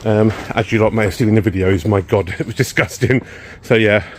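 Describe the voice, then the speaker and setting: A man's voice: fairly low pitch, fairly quick, a little hiss or hum. A man vlogging while working on his car in a home garage workshop, exasperated and swearing when things go wrong, a bit out of breath. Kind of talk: casual workshop vlog.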